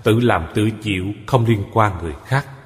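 A man's voice: fairly low pitch, normal speed. Man giving a reverberant Buddhist sermon. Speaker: Buddhist Dharma teacher. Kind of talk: Buddhist sutra lecture. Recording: long hall reverb.

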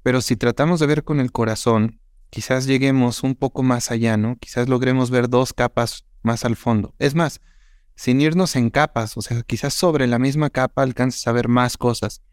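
A man's voice: medium pitch, steady tone, normal speed, darkish tone, clear, resonant tone, dry recording, studio quality. A man, co-hosting a podcast and musing aloud in a thoughtful, questioning way. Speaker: podcast co-host. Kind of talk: reflective casual chat.

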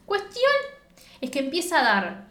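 Argentine girl recapping a show, kinda high voice, echoey room, keeps doing the characters' lines. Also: measured pace. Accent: Rioplatense Spanish. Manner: animated, acts out characters' lines. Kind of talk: casual chat recapping a series.

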